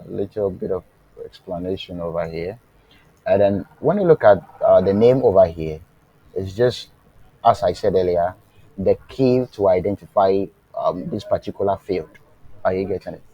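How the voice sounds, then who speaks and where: A deep-voiced man with a warm tone, his highs cut off, teaches web development in a live online class. He works slowly and deliberately, with fillers and restarts, often tossing out a rhetorical "what?" for the class to answer and checking that they're following. The remote connection makes his voice faint at times.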